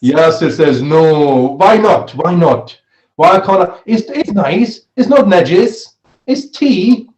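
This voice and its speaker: Guy teaching religion class, high voice, asks questions n repeats stuff, echoey room. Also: expressive, slow pace, darkish tone. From Switzerland. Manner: questioning, repeats phrases, adds "right?" often. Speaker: Islamic studies teacher. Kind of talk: interactive religious lesson with question and answer. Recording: roomy, echoey sound.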